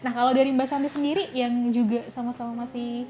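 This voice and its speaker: A woman with an Indonesian accent hosting a panel talk, calm and measured as she prompts her guests. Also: a little high, soft background music. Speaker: host.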